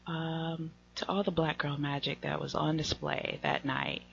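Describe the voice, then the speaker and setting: A woman hosting a casual podcast chat, laughing often and filling pauses with ums, sometimes dropping almost to a whisper. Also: sits low, level tone, vocal fry. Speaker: podcast host. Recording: slightly dull lo-fi audio with faint noise.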